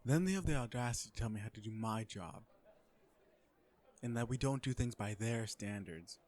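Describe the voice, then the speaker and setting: Smug and exasperated, a man voices a self-assured supervillain businessman flirting his way through a blind date in a romantic comedy audio roleplay. He talks to the listener sardonically and conversationally, his natural mid-range voice slightly mellow, animated and moderately paced.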